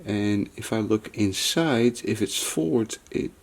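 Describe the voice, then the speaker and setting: Speaking slowly in a fairly low voice, this man walks viewers through a relaxed, hands-on tutorial. He addresses them in the style of a repair video host, thinking out loud as he goes.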